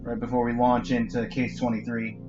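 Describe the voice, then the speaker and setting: A man's voice: medium pitch, monotone, fairly quick, muffled recording, over music. A man streaming a puzzle game, chatting casually in a rambling way and often correcting himself. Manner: rambling, with frequent restarts and self-corrections. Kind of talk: casual commentary while playing.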